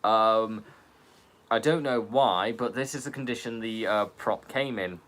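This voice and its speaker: A man's voice: fairly low pitch, a little slow, a bit bright. Rambling jokey man, noisy home recording. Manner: rambling, jokey, hesitant fillers. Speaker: co-host presenting model props. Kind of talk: casual show-and-tell. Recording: home recording with clear background noise.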